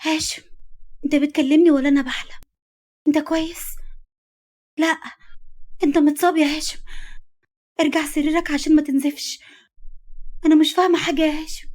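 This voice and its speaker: A woman's voice: high voice, fairly even intonation, rapid-fire, voice pushed up, natural voice. A woman voicing a desperate young woman in love, pleading and tearful, with an Egyptian Arabic accent. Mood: frantic.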